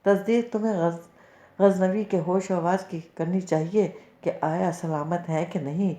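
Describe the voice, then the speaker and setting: Woman doing a young woman, bold, mocking, defiant, low voice, roomy echo. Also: steady tone, mellow, natural voice. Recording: echoey, slightly dull recording.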